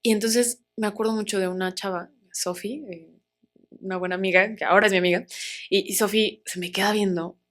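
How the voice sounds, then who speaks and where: Young woman, Mexican accent, interview guest, lively storyteller, acts out the quoted voices, mid pitch. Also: fairly quick. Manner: animated, acts out quoted voices, laughs often.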